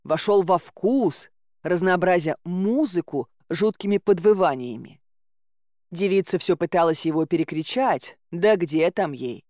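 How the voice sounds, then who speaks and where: A woman narrating an audiobook in a lively, wry and theatrical manner. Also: fairly low pitch, a little slow, no echo, studio quality.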